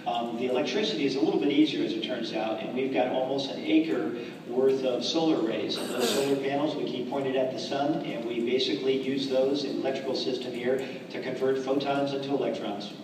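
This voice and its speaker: A man, an astronaut, answering students' questions in an earnest, measured way over a space station radio downlink. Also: medium pitch, fairly even intonation. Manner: earnest, measured, with frequent restarts. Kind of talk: casual explanatory answers. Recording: echoey, distant, noisy radio link.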